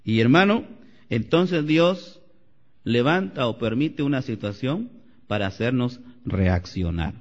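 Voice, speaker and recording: A man preaching a Sunday sermon as pastor, animated and climbing to loud exclamations. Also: medium pitch, slow. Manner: animated preaching, rising to shouts. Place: church sanctuary. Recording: lo-fi church recording with long reverb.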